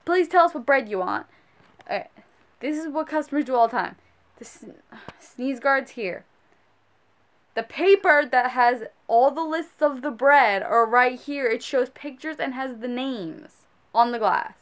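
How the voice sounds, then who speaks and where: A high-pitched woman delivers a casual, exasperated rant about how people behave. She scolds emphatically, like a fed-up food service worker addressing viewers directly. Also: lively intonation, a little slow. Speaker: sandwich shop worker.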